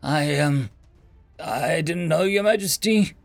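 A man's voice: on the high side, slow pace, gravelly, soft background music, pitched above the performer's own voice. A man voicing a stammering young human shareholder who pleads, then talks like a scheming businessman. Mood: nervous.

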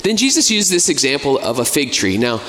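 A man's voice: mid-range voice, very animated, a little fast, fairly bright tone, a little hiss or hum. An American man preaching a sermon in a conversational way, with casual asides and fillers. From United States. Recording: long hall reverb.

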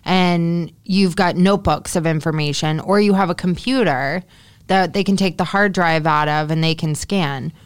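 A woman's voice: deep voice, clean tone, no echo, clean studio sound. A woman co-hosting a casual tech news chat, talking in a chatty way with lots of fillers. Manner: chatty, laughs often, many fillers. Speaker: podcast co-host.

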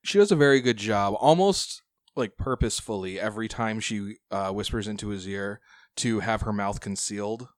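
A man narrating a tabletop game as game master in casual, halting, improvised phrases. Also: fairly low pitch, dry recording, clean studio sound.

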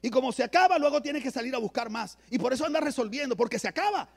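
A male pastor preaching an emphatic sermon to a church, swinging from loud declarations to low asides. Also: expressive, fast talker, creaky.

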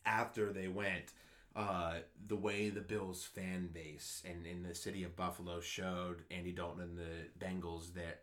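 A man, co-hosting a casual sports podcast, telling a story eagerly with lots of restarts. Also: low-pitched. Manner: excitable storyteller, rambling with restarts. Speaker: podcast co-host.

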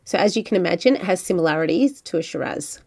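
A woman's voice: fairly low pitch, lively intonation, quick pace, vocal fry, warm tone. Australian woman hosting a wine travel podcast. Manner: friendly, conversational travel narration. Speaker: podcast host. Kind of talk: scripted narration and casual interview.

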